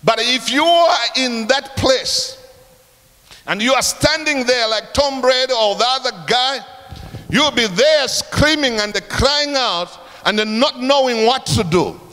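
A man's voice: very high-pitched, slow pace, pushed and bright. A man from Africa preaching a sermon, telling a story emphatically and addressing the congregation directly. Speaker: pastor. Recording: long hall reverb.

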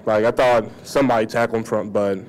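A man's voice: lowish voice, fairly even intonation, fast, a little hiss or hum, rough recording. A young man, a college football player, casually recounting plays at a postgame press conference into a table mic. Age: young adult.

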